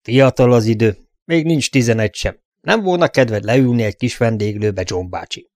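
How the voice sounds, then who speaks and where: A man voicing a cheerful young gentleman with a lively, teasing manner in an audiobook. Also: mid-range voice, no echo, clean studio sound, close to an everyday voice. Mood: jovial.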